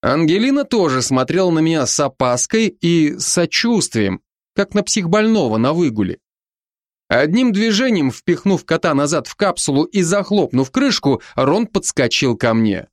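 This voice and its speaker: Expressive male audiobook narrator. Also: a little high, moderate pace, dry recording, studio quality. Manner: expressive, ironic storytelling. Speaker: first-person narrator.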